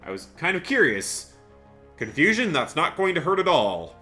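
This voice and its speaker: A man talks through his game run in a chatty, thinking-aloud way and breaks into laughter often. His voice is very bright and sharp, and his pitch swings widely. Faint game music plays underneath. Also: sing-song, moderate pace. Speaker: Let's Play host. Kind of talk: gameplay commentary.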